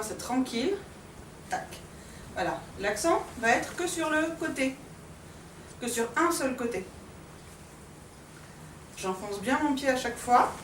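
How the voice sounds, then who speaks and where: A woman with a fairly high voice teaches a dance class, explaining each move calmly while she demonstrates it. She is picked up from a distance in a roomy, echoing studio. A faint hum of room ambience sits behind her. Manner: calm, demonstrating moves while counting out accents with "pam" and "tac". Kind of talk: step-by-step dance lesson. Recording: echoey room from far off.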